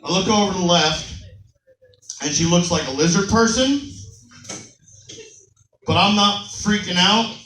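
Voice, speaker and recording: A young man works a comedy club crowd with brash, profane storytelling. His voice sits high and sounds bright and sharp. The room is echoey and he is a little distant from the mic. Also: a little slow, pauses often. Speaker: stand-up comedian. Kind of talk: stand-up comedy set.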